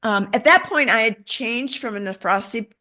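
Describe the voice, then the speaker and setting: Middle-aged woman telling a lively personal story. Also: fairly high pitch, moderate pace. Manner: animated storyteller, acts out quoted dialogue. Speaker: interview guest. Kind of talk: storytelling in a conversational interview.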